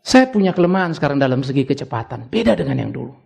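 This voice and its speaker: A man's voice: medium pitch, very animated, fast talker, gravelly, a little mellow. An older man preaching a sermon as pastor, conversational at times and then rising into urgent exhortation. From Indonesia.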